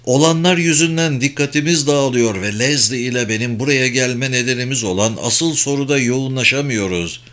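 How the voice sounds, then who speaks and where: A man's voice: medium pitch, fairly quick, few pauses, fairly bright tone, pitched above the performer's own voice, natural voice. A man voicing an agitated male agent in an urgent, clipped way while reading a novel.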